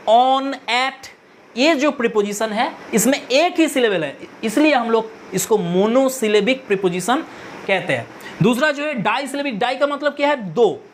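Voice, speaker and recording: A woman with a fairly high voice teaches a grammar lesson at an unhurried pace. She is deliberate and methodical, saying each new term twice so it sticks. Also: slight background noise. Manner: slow, deliberate, repeats key terms. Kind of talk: explanatory lesson.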